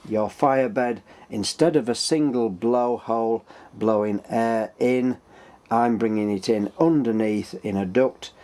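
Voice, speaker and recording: A man with a Yorkshire accent and a slightly low-pitched voice presents a casual workshop tutorial. He talks off the cuff and hesitantly, explaining as he goes like a hobby channel host. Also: dark tone. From Yorkshire, England.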